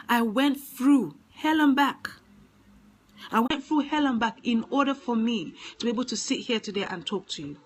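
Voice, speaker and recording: Woman, motivational talk, earnest, emphatic, repeats key phrases, fairly high voice. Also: a bit bright, rough recording. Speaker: motivational speaker.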